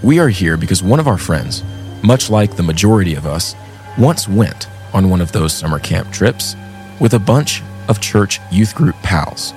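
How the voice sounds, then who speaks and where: Male podcast host, low register, scripted storytelling with ornate conversational phrasing, music bed behind. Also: very animated, normal speed, darkish tone. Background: background music.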